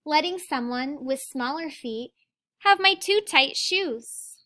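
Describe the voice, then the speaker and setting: Here a woman sits high in pitch as she reads a children's story in a teacherly style. Her delivery is expressive and deliberate, sprinkled with asides to the little ones listening.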